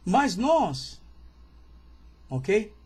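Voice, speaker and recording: A middle-aged male pastor preaches at a seminar, telling a story in a lively, conversational manner. His voice is somewhat high and husky. He often turns to the audience with a quick "né?" and clears his throat now and then.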